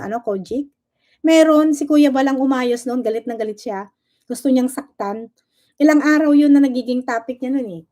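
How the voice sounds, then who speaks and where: High-voiced woman ranting on a livestream. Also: darkish tone. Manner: combative and sarcastic, firing rhetorical questions; mixes English words into her talk. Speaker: livestream host. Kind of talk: casual livestream rant.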